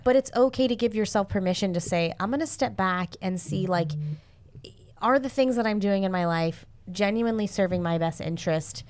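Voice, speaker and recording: Smooth-voiced woman telling a story. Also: medium pitch, brisk, darkish tone. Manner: storytelling, laughs at herself. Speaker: podcast co-host. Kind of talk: casual podcast chat.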